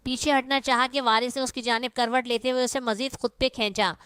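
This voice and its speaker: Smooth-voiced woman narrating a novel. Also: on the high side, steady tone, a bit bright, no room sound, clean studio sound. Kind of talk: scripted narration of a romance novel.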